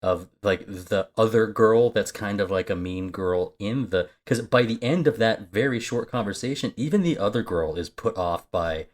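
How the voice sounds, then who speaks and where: A man's voice: lowish voice, moderate pace, hardly any pauses. A man co-hosting a movie podcast, chatting casually with rambling asides and lots of fillers. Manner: rambling, many fillers and restarts. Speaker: podcast co-host. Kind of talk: casual movie-talk chat.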